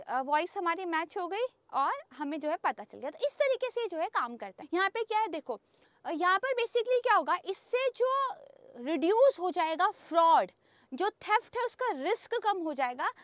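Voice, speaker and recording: A woman's voice: very high-pitched, a bit bright, no room sound. A woman teacher giving a chatty exam-prep lecture, mixing in English terms and often checking in with her students. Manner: mixes English terms into explanations.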